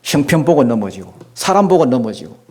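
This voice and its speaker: A man's voice: mid-range voice, sing-song, fairly quick, mellow. A male pastor with a Gyeongsang accent preaching a sermon in a church, emphatic and full of rhetorical questions and folksy asides. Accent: Gyeongsang Korean. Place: church sanctuary.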